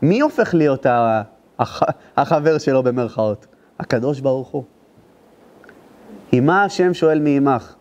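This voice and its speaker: A rabbi giving an emotional storytelling sermon to a live audience, speaking to the listeners directly and rising into intense high cries at the story's climaxes. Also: male voice, expressive, pauses often, a little mellow, highs cut off. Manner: addresses the audience directly, urging them to listen. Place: live lecture before an audience.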